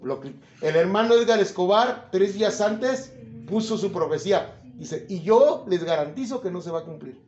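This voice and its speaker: A man with a Mexican accent preaches in a high voice, chatting and joking with his listeners. His voice bounces around an echoey room. The sound is a little dull. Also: expressive, moderate pace, darkish tone, faint music behind. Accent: Mexican Spanish. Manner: chatty, jokes, asks the listeners questions. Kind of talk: informal Bible teaching to a congregation.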